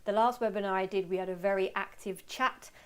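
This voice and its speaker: A British woman hosting a webinar in a chatty, informal, self-deprecating way, her voice slightly hoarse and giving out. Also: mid-range voice, fairly even intonation, fairly quick. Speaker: webinar host and photography teacher. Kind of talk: casual webinar talk.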